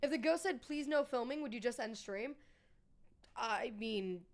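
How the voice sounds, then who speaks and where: A woman's voice: a little high, a little slow. A woman streamer chatting casually with her live viewers, rambling and swearing freely.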